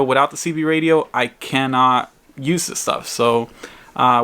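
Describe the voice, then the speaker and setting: This man's mid-range, slightly bright voice carries a relaxed unboxing vlog where he explains things to viewers in a plain-spoken, informal style. The audio is clear, with crinkling packaging and some background noise.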